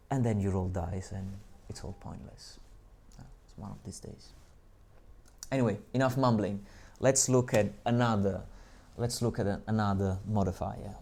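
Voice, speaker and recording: Low-voiced guy walking through tabletop dice rules, calm and step by step, mellow tone. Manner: patient, step-by-step explaining with small asides. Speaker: tabletop game tutorial presenter. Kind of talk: explaining game rules.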